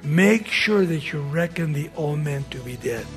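A man preaching a sermon as a preacher, emphatic, swinging between raised and hushed phrases. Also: a little high, lively intonation, a little slow, soft background music.

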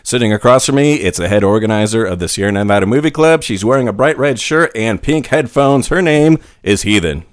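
Male podcast host, animated and joking, dry close sound. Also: lowish voice, brisk, few pauses, dry recording, soft background music. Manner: lively, joking, animated delivery. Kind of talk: scripted podcast intro, then casual chat. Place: small room with friends.

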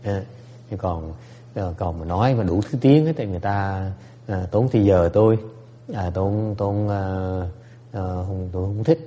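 A man teaches in a temple hall, his low, mellow voice carried by a long reverb. He moves between English and Vietnamese, pausing on fillers and putting questions to his listeners. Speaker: Buddhist teacher. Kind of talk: bilingual dharma talk.

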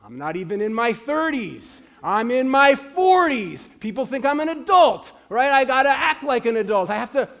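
A man's voice: extremely high pitch, sing-song, moderate pace, creaky, few pauses, fairly bright tone. A man in his forties, a pastor preaching a sermon in an earnest, emphatic way, repeating his key phrases. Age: 40s.

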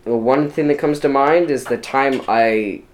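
A man's voice: mid-range voice, unhurried. A young man in his late teens hosting a casual podcast chat, ranting and talking over the others. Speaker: podcast host.

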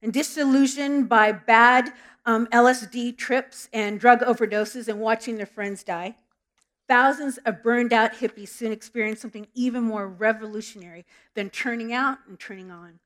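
A middle-aged woman from Southern California preaches a sermon and prays in a church sanctuary, earnest and storytelling, with small restarts. Her voice is a little high and a bit bright, with a steady tone at normal speed.

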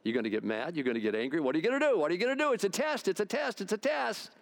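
God poking at you with questions, a pastor doing the voice, keeps repeating himself. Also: male voice, high-pitched, very animated, very fast, vocal fry, heavily acted. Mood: prodding. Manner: repetitive, prodding questions. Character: God, a patient male voice testing a driver.

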